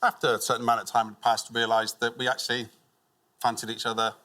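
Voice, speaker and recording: Middle-aged male contestant, bright forceful tone, casual storytelling. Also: medium pitch, little pitch movement, fast. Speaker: game show contestant.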